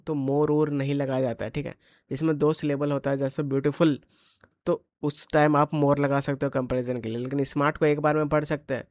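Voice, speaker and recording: A male exam tutor with an Indian English accent and a fairly high voice, switching into casual Hinglish between questions. He reads the English sentences aloud slowly before breaking them down. The recording is dry and close, with almost no room sound. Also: no echo, rough recording. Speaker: exam coaching teacher. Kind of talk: exam paper solution lesson.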